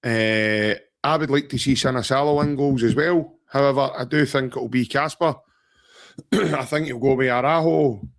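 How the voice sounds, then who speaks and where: A man's voice: mid-range voice, normal speed. Scottish guy on a footy podcast, jokey and rambly, keeps saying aye and mate. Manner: joking, rambling, says mate and aye a lot. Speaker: podcast co-host. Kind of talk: casual football chat.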